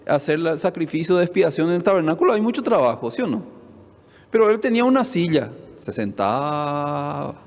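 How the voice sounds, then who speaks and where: Pastor preaching in a reverberant hall. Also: male voice, a little high, very animated, moderate pace. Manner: preaching with rhetorical questions to the congregation, acting out quoted speech. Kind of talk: sermon. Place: church hall. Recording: long reverb of a church hall.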